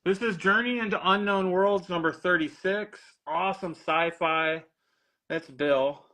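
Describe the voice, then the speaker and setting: On a live stream, a man sells comic books in a relaxed chat, quoting grades and prices easily and laughing often. His voice sits high and bright, a bit slow, with a forceful tone.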